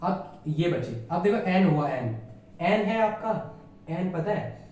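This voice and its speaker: A man's voice: high voice, big pitch swings, slow, darkish tone, slight background noise. A man teaching an exam-prep reasoning lesson in a casual, chatty way, often checking whether his listeners follow along. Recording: very echoey room, voice far from mic.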